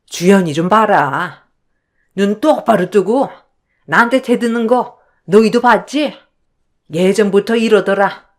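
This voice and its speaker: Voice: medium pitch, lightly acted. A performer voicing an entitled middle-aged mother-in-law who lectures her daughter-in-law in a haughty, scolding way. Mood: indignant.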